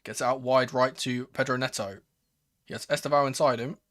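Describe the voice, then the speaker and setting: A man hosting a live football watchalong, calling the play in a casual, excitable fan's manner. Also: medium pitch, normal speed. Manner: excitable, swearing, shifting from murmured play-by-play to raised exclamations. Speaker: host of a football watchalong stream. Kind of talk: live football commentary with casual fan reactions.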